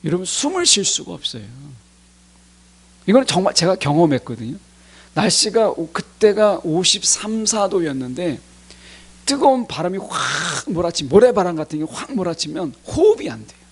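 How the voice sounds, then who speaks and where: Husky, high-voiced Korean pastor preaching. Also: male voice, big pitch swings, normal speed. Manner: addresses the congregation directly, acting out complaints to God in quotes. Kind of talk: sermon.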